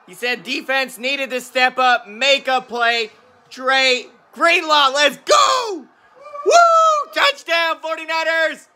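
A man in his thirties cheering at a football game at home, shouting and whooping as an excited fan. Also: very high voice. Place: living room couch at home. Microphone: camera a few feet away.

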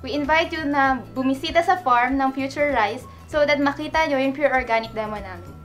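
A woman's voice: sits high, a little fast, a bit bright, faint music behind. A woman in her twenties with a Filipino accent, a researcher explaining farm methods with hesitant fillers. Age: 20s. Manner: mixes Tagalog and English, hesitant fillers. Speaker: science research specialist.

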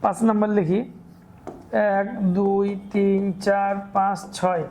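A man's voice: high-pitched, little pitch movement, unhurried, darkish tone, a little hiss or hum. A man teaching a school chemistry lesson, working through examples step by step, counting aloud and asking and answering his own questions. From Bangladesh.

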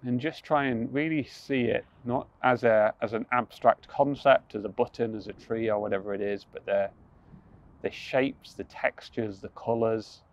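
A young man leading a guided mindfulness practice outdoors on a rooftop, speaking calmly, slowly and gently, with soft restarts. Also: mid-range voice, highs cut off. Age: young adult. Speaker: mindfulness instructor.

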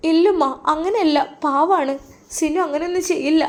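A woman voicing a heartbroken young wife in a storybook tale, pleading and softly sobbing, with a Malappuram Malayalam accent. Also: very high voice, a little fast, pitched above the performer's own voice.

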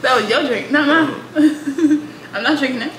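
A woman's voice: sits high, moderate pace, a bit bright. A young woman bossing and teasing her brother through a drinking game, laughing often. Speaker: vlogger. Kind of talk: casual chat during a party game. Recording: echoey room with background noise.

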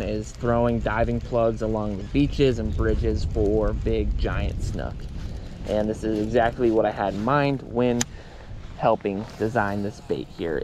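Man, laid-back, casual fishing talk, outdoors on a boat, action-camera audio, clear background noise. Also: mid-range voice, a little mellow. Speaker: fishing guide explaining lures. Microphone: action camera on the body.

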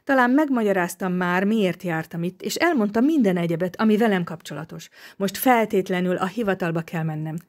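A woman's voice: medium pitch, lively intonation, hardly any pauses, close to an everyday voice. A woman voicing a cold, proud young male engineer in an audiobook. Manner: cold, clipped.

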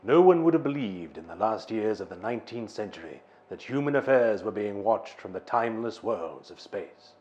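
A man's voice: lowish voice, expressive, moderate pace, hardly any pauses, darkish tone, lo-fi sound, pitched below the performer's own voice, close to an everyday voice. A man voicing a grave male narrator in a put-on Welsh accent, declaiming solemnly.

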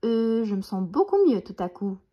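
A woman's voice: mid-range voice, expressive, normal speed, slightly rough, muffled recording. A woman voicing a doubtful, wry young earthworm friend in a bedtime story.

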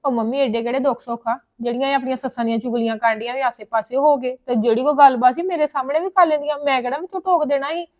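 Girl doing a whiny jealous kid sister, high voice, rattles on fast. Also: fairly even intonation, a little mellow, natural voice. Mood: complaining. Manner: whiny, argumentative. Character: jealous, complaining younger sister. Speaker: younger daughter.

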